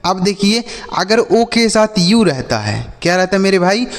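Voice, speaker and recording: A man's voice: high voice, sing-song, a little slow, in a large hall. A male English teacher giving a phonics lesson to children, spelling words letter by letter and then asking and answering his own questions. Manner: addresses viewers as dear brother and children.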